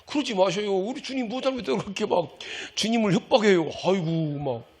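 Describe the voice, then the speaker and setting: A man's voice: sits high, brisk, slightly rough. A middle-aged male pastor preaching a sermon, folksy and impassioned, scolding the congregation and acting out pleading prayers.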